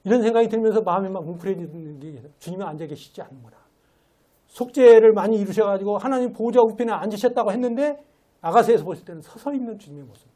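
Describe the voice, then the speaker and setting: High-voiced man preaching a chatty sermon. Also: animated, fast talker, warm tone. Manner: conversational, asks rhetorical questions. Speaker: lay preacher. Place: church sanctuary.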